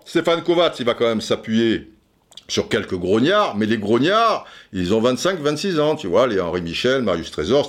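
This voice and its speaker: A middle-aged man telling football history in a casual way, stumbling into frequent repeated words and fillers as he addresses the listener directly. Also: on the low side. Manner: many stammered repeats and fillers. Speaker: football storyteller. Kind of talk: casual spoken storytelling.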